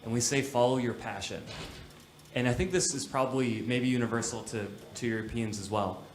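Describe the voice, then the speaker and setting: A man from the United States answers a question on a conference panel. He talks in a thoughtful, conversational way and quickens when he makes a point. The hall around him is roomy, with a faint background hum. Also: medium pitch. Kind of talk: panel discussion. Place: conference stage.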